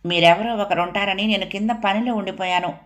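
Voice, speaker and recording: A woman reads a gentle young wife and mother in an audio novel, her voice close to the narrator's own. She speaks at a plain middle pitch. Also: steady tone, a little fast, lightly acted. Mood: tender. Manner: tender. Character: gentle eldest daughter-in-law, tender then stern.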